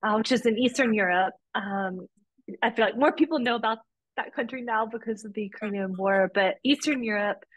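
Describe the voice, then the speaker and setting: A woman's voice: fairly high pitch, a little fast, no room sound. Earnest woman guest, dry close sound. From Romania. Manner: earnest, warm storytelling with frequent restarts. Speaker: podcast guest, policy advocate. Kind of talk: conversational interview.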